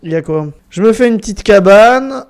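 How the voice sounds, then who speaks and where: A young man doing casual, energetic gameplay commentary, joking and swearing a lot. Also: sits high, normal speed, clear, resonant tone. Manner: mock English phrases with a French accent. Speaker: gaming YouTuber. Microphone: desk microphone.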